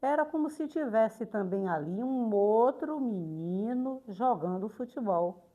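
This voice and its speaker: An older woman, a retired teacher slowly and reflectively recounting memories in a documentary interview, pausing often. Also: on the high side, lively intonation, warm tone, highs cut off. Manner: slow, reflective, pauses often on "é".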